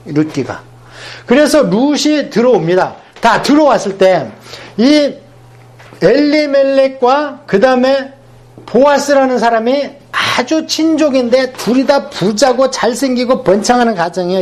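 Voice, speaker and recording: Lively high-voiced Korean Bible lecturer. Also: male voice. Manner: colloquial, emphatic, acts out quoted speech. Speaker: Bible teacher.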